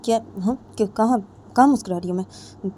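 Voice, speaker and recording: A woman's voice: medium pitch, a little fast, mellow, a little hiss or hum, pitched above the performer's own voice, lightly acted. A woman voicing a shy, flustered young woman in love, who denies things and pleads in a raised voice with repeated coaxing words. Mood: flustered pleading. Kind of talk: storybook narration.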